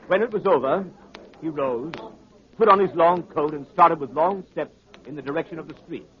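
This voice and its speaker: A man playing a loyal gentleman doctor, husky, measured and earnest, in a 1930s radio drama. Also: a little high, lightly acted. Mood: reflective. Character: loyal gentleman doctor narrating his detective friend's adventures. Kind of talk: 1930s radio acting, scripted narration. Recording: dull vintage 1930s radio recording.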